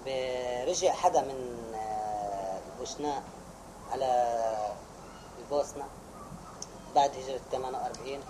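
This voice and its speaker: A man's voice: mid-range voice, moderate pace, long pauses. A man interviewing an older woman with brief, polite questions. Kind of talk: oral history interview. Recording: vehicle noise behind.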